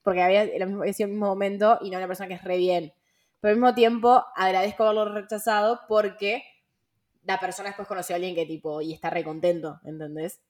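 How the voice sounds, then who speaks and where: A young woman with a Rioplatense Spanish accent talks casually on a podcast. She rambles through stories with slang, fillers and laughing asides, and her voice sits at an ordinary middle pitch. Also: fairly even intonation, fast, a little mellow. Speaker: podcast host. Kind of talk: casual chat.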